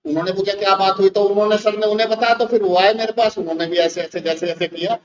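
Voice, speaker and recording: A man with an Indian accent, a teacher telling a lively anecdote to his class in a classroom. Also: high-pitched, fast, dull audio, background noise. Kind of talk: classroom storytelling.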